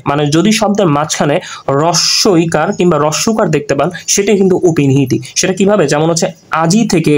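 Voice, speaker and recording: A man teaching an exam-prep grammar lesson, explaining through repeated examples and frequent check-ins. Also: a little high.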